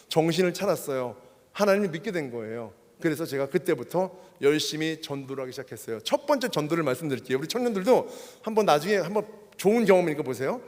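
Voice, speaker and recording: A middle-aged man preaching a testimony sermon at a church worship service, keeps asking the crowd questions. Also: a little high. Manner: animated, keeps addressing the crowd with rhetorical questions. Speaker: guest preacher. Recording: long hall reverb.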